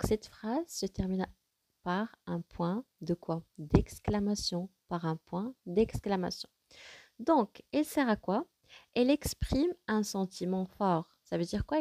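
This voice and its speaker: A woman teaching a grammar lesson for young children. She repeats each example slowly and asks questions that she then answers herself. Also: medium pitch, mellow, no echo.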